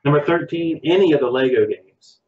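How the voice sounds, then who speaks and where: A man's voice: a little high, lively intonation, brisk, a little mellow, echoey room, muffled recording. A man co-hosting a casual podcast chat, rambling and hesitant as he goes down a list. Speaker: podcast co-host.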